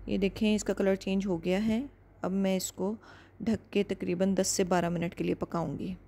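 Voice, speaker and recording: With a creaky, mid-range voice, a woman calmly guides viewers through a home cooking recipe step by step as a cooking channel host, keeping it measured and instructive.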